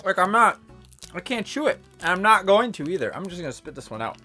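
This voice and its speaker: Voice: medium pitch, sing-song, fast talker, pushed and bright, soft background music. A young adult vlogger chatting casually through a taste test, talking with candy in the mouth, rambling with lots of fillers.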